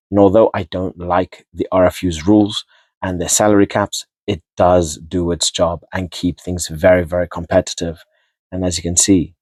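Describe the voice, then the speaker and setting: A man's voice: sits low, a little mellow, no echo. A man giving a casual, rambling rugby match recap, repeating and restarting words as he goes. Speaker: rugby vlogger.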